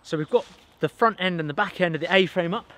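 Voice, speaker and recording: His voice sits high and a bit bright, and he talks fast. He's a bushcraft channel host in his thirties, enthusiastically explaining a build as he works in the forest, recorded casually on a camera mic that is sometimes far away.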